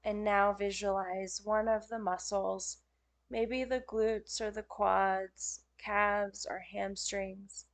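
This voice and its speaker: Leading a yoga nidra session as a teacher, a woman uses a steady, mid-range voice, delivering gentle and soothing phrases slowly, with pauses between them.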